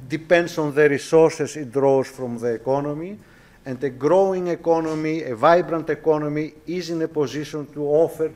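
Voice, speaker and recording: A Greek man with a fairly high-pitched voice and a Greek accent delivers a formal academic lecture as a visiting professor. He is courteous and measured, frequently rephrasing his words with care.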